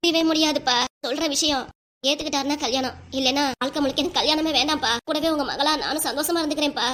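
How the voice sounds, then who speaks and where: A devoted but stubborn young cartoon daughter, voiced by a woman, arguing her case with her father. Her voice sits high, and she talks very quickly and insistently in a southern Tamil dialect. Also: fairly bright tone. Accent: Tamil, southern Tamil Nadu dialect. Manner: insistent, emotional, rapid.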